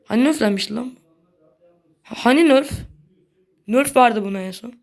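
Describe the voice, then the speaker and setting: A woman giving casual gameplay commentary in a blunt, slangy way, quick to get annoyed. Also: fairly high pitch, darkish tone. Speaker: gaming video creator.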